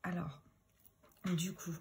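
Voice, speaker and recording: A woman's voice: slow pace, a little mellow. A woman giving a tarot reading in French, musing aloud as she turns the cards, often dropping into a whisper. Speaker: tarot reader.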